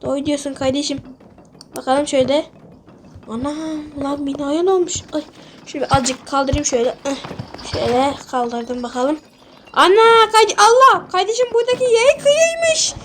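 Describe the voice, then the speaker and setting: A woman role-playing panicky, excitable commentary over a sandbox game. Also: high-pitched, normal speed, slight background noise. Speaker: gaming video creator.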